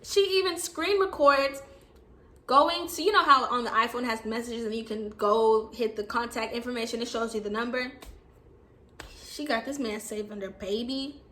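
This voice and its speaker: A young woman telling a dramatic personal story to her viewers, acting out the quotes with loud outbursts. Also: a little high, normal speed. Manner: dramatic, acts out quotes loudly. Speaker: storytime vlogger. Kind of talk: animated storytelling.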